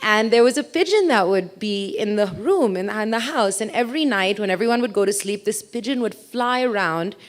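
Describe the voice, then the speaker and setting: An Indian woman in her thirties, whose English accent blends influences from a childhood overseas, entertains a live audience with a chatty, self-mocking stage talk. She sounds animated in her mid-range voice. She keeps a normal speed and rarely pauses.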